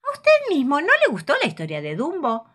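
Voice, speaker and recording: An earnest male cricket teacher , as a woman plays him, who encourages and explains in a patient, teacherly way. His voice sits somewhat above her own and rises with lively emphasis. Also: high-pitched, fairly quick, pitched above the performer's own voice, full character voice.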